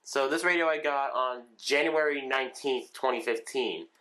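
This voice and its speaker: In a video shot in a room at home lined with shelves of radios, a man casually shows off his weather radio collection. His medium-pitched voice is bright and forceful at a normal speed, and he rambles with lots of ums and restarts.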